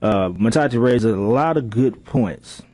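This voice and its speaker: A man hosting a call-in radio show, making steady announcements and taking up callers' points. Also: medium pitch, a little slow, dry recording. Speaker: radio talk show host.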